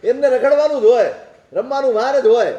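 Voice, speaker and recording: A man's voice: very high voice, fairly quick, dark tone, lo-fi sound. Man, preaching a sermon, storytelling, rhetorical questions, roomy echo. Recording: echoey hall.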